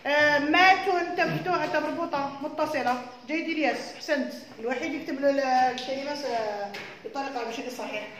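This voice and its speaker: A woman's voice: high-pitched, fairly bright tone. A woman with an Algerian Arabic accent teaching preschool children to read, drawing out syllables and praising them. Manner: encouraging, drawn-out syllables. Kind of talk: classroom teaching. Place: classroom. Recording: very echoey room, noisy.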